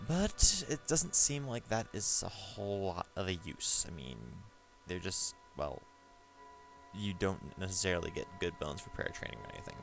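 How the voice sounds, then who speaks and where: A man's voice: low-pitched, vocal fry. A man giving a casual, rambling game review over gameplay, with lots of fillers and restarts.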